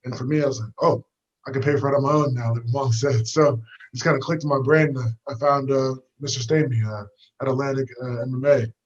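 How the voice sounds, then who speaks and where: With the highs cut off in the audio, a young US fighter chats about his past during an outdoor walk. His medium-pitched voice moves at a quick pace with fairly even intonation, and his easygoing, rambling delivery is packed with fillers, suiting the casual interview.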